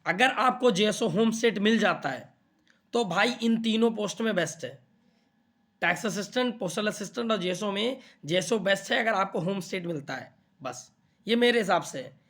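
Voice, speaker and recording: Man, young adult, high-pitched, casual teacher, chatty, checks understanding. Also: animated, moderate pace, fairly bright tone. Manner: chatty, repeats "theek hai na" to check understanding. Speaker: exam coaching teacher. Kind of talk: casual explainer talk to students.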